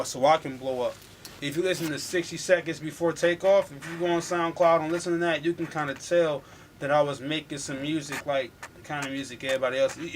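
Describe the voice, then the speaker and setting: A man's voice: fairly high pitch, a bit bright. A young adult man from Milwaukee, a rapper being interviewed, who talks loosely with slang and frequent restarts. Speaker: rapper guest. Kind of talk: casual interview chat. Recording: faint background noise.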